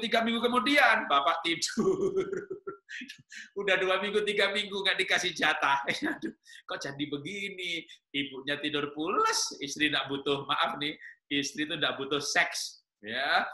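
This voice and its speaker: Man, preacher, joking sermon, teasing questions, slightly high voice, echoey hall. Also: sharp tone. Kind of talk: humorous sermon to couples.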